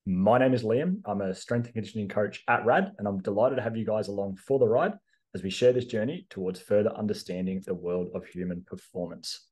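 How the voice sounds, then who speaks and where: A man's voice: on the low side, brisk, husky. A young Australian man, a strength coach and podcast regular, chatting casually and easily with plenty of ums. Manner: relaxed, easygoing, with frequent ums.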